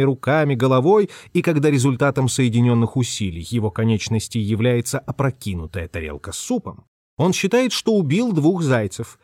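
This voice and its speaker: Man, storybook narrator, very lively pitch, dry close sound. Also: no room sound. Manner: expressive, dramatic reading.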